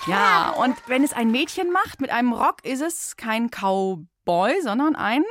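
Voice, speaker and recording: A woman's voice: a little high, animated, measured pace, noisy background. A woman hosting a children's radio show, chatty and playful, laughing easily with callers.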